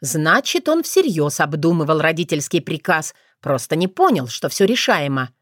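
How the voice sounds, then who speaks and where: A woman reading a fantasy audiobook aloud, her pitch rising and falling in a lively way. Her voice sits mid-range for a woman. The recording is dry and close with no room sound. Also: moderate pace, no echo. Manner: expressive storytelling. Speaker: narrator. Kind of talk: audiobook narration.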